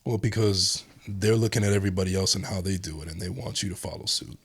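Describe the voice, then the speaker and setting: A man's voice: low voice, quick pace, breathy edge. A man hosting a podcast, talking bluntly and casually and swearing freely in a studio chat. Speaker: podcast host.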